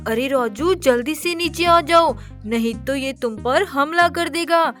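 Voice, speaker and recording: A woman telling a toy story to children, talking to them directly and calling out to the characters in lively exclamations. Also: high voice, measured pace, faint music behind. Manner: exclamatory, calls out to kids and characters. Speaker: children's toy-play narrator.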